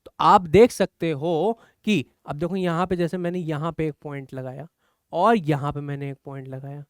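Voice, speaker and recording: High, clear-voiced man teaching chemistry. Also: fairly even intonation, moderate pace, dry recording, clean studio sound. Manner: encouraging, explains step by step with rhetorical questions. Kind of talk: online exam-prep lecture.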